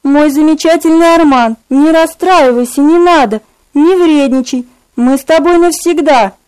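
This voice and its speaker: A woman voicing a tender young woman who pleads softly and breathlessly in an audiobook reading. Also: high-pitched, normal speed, no room sound, voice pushed up, natural voice, poor audio. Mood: pleading. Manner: soft, imploring and breathless.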